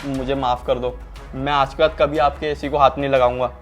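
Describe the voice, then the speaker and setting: Performer as a humble male servant, flat meek delivery, pleading, loud music underneath. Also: mid-range voice, a little fast, lightly acted. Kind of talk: scripted Hindi skit acting. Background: loud background music.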